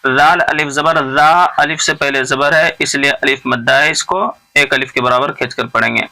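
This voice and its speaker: A man teaching Quran recitation rules, explaining each letter patiently and repeating words slowly. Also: mid-range voice, fairly even intonation, vocal fry, bright, forceful tone, poor audio. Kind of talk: tajweed lesson, explaining rules between slow recited verses.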